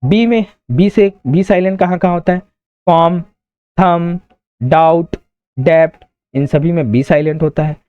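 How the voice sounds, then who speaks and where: A man's voice: on the high side, a little slow, clear, resonant tone, no room sound, highs cut off. A man teaching an exam-prep English grammar lesson, explaining step by step and answering his own questions.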